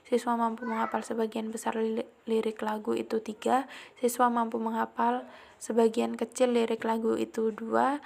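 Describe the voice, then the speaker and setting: Woman with gravelly voice explaining rubrics. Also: fairly high pitch. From Indonesia. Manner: walks through each item step by step, repeats phrases, restarts words. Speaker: student teacher explaining a lesson plan. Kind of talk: explaining assessment rubrics aloud. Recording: faint music in the background.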